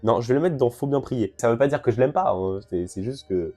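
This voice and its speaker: A man's voice: medium pitch, expressive, fairly quick, warm tone, soft background music. A young man in casual vlog commentary, chatty and self-mocking as he rambles through his rankings.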